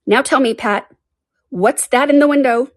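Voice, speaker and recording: A woman's voice: high-pitched, moderate pace, no echo, studio quality, voice pushed up. A woman voicing an angry, bossy male rabbit master from a storybook, with an imperious, scolding manner. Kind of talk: storybook character voice.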